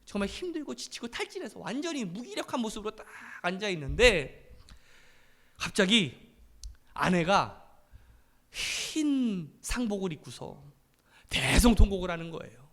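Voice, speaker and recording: A man's voice: high voice, very animated, moderate pace, long pauses, fairly bright tone. A male pastor delivering an earnest, emphatic sermon in church. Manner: earnest and emphatic, rising to fervent blessings.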